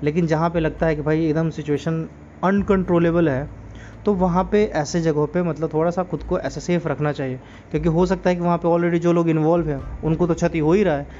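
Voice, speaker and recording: A man's voice: on the high side, fairly even intonation, a little fast, dark tone, dull audio, slight background noise. A man talking in an earnest, moralizing way, asking his listeners many rhetorical questions in a casual spoken monologue. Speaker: podcast host.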